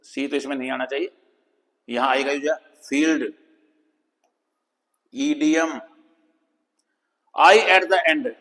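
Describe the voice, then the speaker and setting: A man teaching English pronunciation, patiently explaining and repeating example words slowly, dropping his voice on each model word. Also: mid-range voice, fairly even intonation, a bit bright, big-room sound, rough recording. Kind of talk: explanatory lesson.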